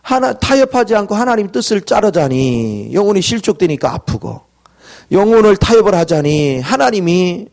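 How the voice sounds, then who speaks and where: A man's voice: high-pitched, sing-song, moderate pace, gravelly, darkish tone. A man preaching a sermon, acting out quoted voices and at times dropping to a whisper for emphasis.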